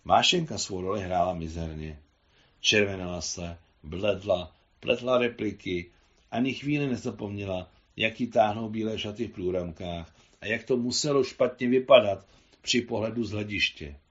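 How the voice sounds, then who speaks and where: A man reading his own translation of a novel aloud in a measured literary delivery, on a slightly dull recording. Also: fairly low pitch.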